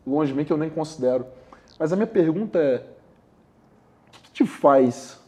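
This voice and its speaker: A man with a mellow, medium-pitched voice hosts a casual podcast interview, recounting a reflective story in a loose, conversational manner.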